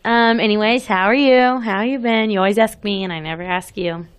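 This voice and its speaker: A woman's voice: medium pitch, brisk, clean tone. A woman co-hosting a radio show, chatting casually and laughing often in an easygoing way. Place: radio studio.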